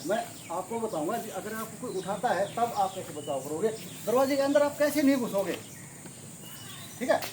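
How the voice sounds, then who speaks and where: A man's voice: sits high, animated, brisk. Man drilling trainees outdoors. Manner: commanding, repeats short instructions. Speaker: self-defense trainer. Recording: noisy outdoor recording.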